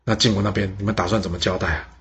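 A man voicing an uneasy nobleman who speaks in a hushed, troubled way. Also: low voice, level tone, racing, breathy edge, full character voice. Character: grieving, uneasy male nobleman. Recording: dull lo-fi sound.

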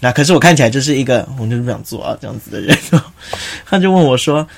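Teen cohost rattling through a school story, quick casual chat, mid-pitched voice. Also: lively intonation, vocal fry. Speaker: podcast co-host.

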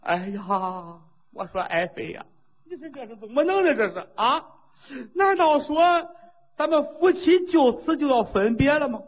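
A man voicing a frantic, weeping king in a storytelling performance, talking in a rushed, wailing voice. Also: on the high side, sing-song, husky, narrow, tinny audio, full character voice. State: crying.

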